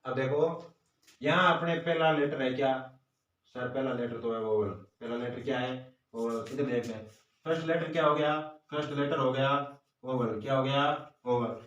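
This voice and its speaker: Echoey far-off Hindi-accented teacher. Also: male voice, mid-range voice, normal speed, fairly bright tone, muffled recording. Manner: repeats questions and answers them himself. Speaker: grammar teacher. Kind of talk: classroom lesson. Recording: roomy echo, voice from far off.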